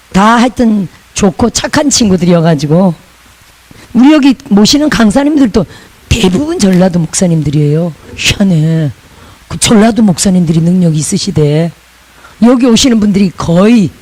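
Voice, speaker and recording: A woman pastor from Busan preaches. She talks in a chatty way, with laughing asides, and has the congregation repeat lines after her. Her voice sits at a middle pitch. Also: a little mellow, poor audio. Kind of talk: sermon.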